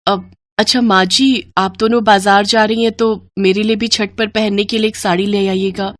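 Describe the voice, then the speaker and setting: Storybook meek young bride, soft and timid, quiet voice, read by a woman. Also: mid-range voice, little pitch movement, moderate pace, no room sound, clean studio sound, natural voice. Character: meek, gentle young poor daughter-in-law.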